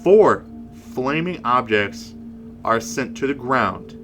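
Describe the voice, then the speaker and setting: A man co-hosting a conversational paranormal case discussion, speaking in a halting way and repeating words. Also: mid-range voice, animated, music in the background. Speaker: podcast co-host.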